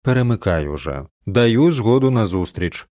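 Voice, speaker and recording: A man voicing a sharp-tongued young woman, a space agent on vacation, curt and sarcastic. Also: lowish voice, expressive, moderate pace, no room sound, studio quality, close to an everyday voice. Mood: irritated.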